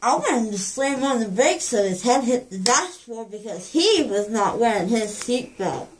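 A dazed woman in her twenties rambles groggily in a rather high voice. She talks slowly and casually, as if still coming round from anesthesia. The phone recording has some background noise. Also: animated. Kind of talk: casual chat. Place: small indoor room, lying on a pillow. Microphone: phone held near, off the speaker.

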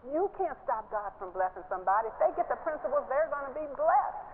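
Older lady preaching in a big church, high voice, sounds thin like over a phone. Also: quick pace. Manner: animated, laughing, rising pitch when stressing points. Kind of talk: sermon. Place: large church stage, indoors. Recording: tinny phone-like broadcast sound with faint hiss.

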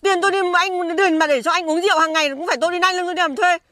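A woman's voice: very high-pitched, fairly even intonation, very fast, sharp tone, no room sound, studio quality. A woman playing a defiant hardworking wife with a Northern Vietnamese accent. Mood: indignant. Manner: scolding, insistent. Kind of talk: amateur skit acting. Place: outdoors in an orchard.

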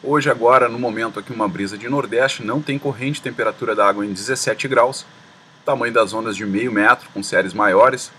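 A man hosting a surf forecast voice-over, relaxed and slangy, talking to viewers as a crowd of friends. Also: mid-range voice, fairly quick, a little hiss or hum. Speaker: surf report host.

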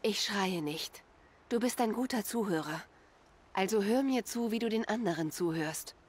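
Woman playing a calm young huntress in a game, steady and reassuring, normal pitch. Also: normal speed, close to an everyday voice. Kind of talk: video game dialogue.

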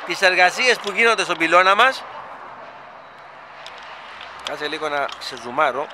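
A man's voice: fairly high pitch, expressive. A man with a Greek accent filming a construction site, chatting enthusiastically to his viewers as he walks with his camera. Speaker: fan vlogger filming a stadium construction site. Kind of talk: casual handheld vlog commentary. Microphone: camera mic, filming handheld. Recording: outdoor site noise behind.

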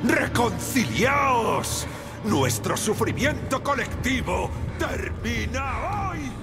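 An actor playing a fanatical, doomed man in a video game, shouting drawn-out proclamations. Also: very high voice, sing-song, over music, full character voice. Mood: fanatical, anguished. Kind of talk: dramatic video game acting.

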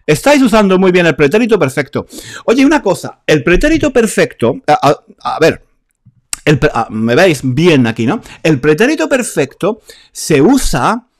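A man from Spain teaching a live online Spanish class, reading out viewers' comments in a chatty way and repeating phrases. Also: a little high.

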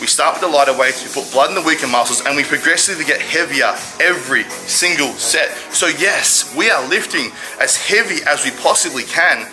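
A man's voice: fairly high pitch, expressive, brisk, few pauses, low-quality recording. A man in his thirties, a fitness trainer, explaining training to camera in an earnest, emphatic way. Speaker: fitness trainer, video presenter. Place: large gym, indoors. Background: music.

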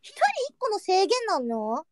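A young woman streaming, chatting casually with her viewers and reading their comments, playful and quick to joke, sometimes dropping into a whisper. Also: extremely high pitch, big pitch swings, no echo, clean studio sound. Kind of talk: casual livestream chat.

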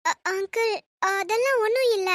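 A woman's voice: very high-pitched, normal speed, no echo, studio quality. A woman voicing a timid young bride in a cartoon, speaking meekly and hesitantly. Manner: meek, hesitant. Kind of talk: cartoon voice acting.

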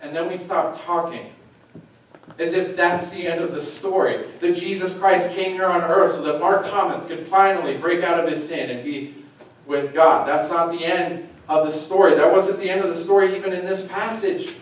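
A man's voice: high-pitched, fairly even intonation, normal speed. A young man preaching a sermon to his congregation in an earnest way, with wry asides about his own jokes. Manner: earnest, self-deprecating asides. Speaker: pastor. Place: church sanctuary. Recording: echoey church from far off, faint noise.

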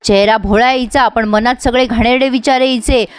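A woman's voice: fairly high pitch, fairly even intonation, a little fast, clean tone, no echo, close to an everyday voice. Casting: a woman doing a sneering matriarch, scornful and dry. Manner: sneering, insulting. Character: harsh, scornful older mother-in-law.

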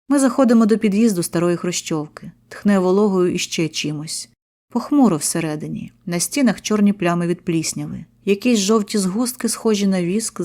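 A woman narrates a first-person horror story. She reads in short, clipped sentences with a tense, steady delivery. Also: lowish voice.

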